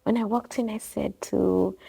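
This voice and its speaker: This Kenyan woman, interviewed casually in the bookstore and coffee bar she owns, talks reflectively and meanders, often correcting herself. Her voice sits mid-range, steady and measured, gravelly and mellow with a slight roughness.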